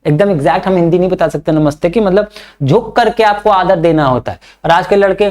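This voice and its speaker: A male teacher giving a Hindi-medium English lesson. He reads English lines slowly and then explains them in chatty Hindi, with fatherly, scolding asides to his students. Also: high voice, a little mellow.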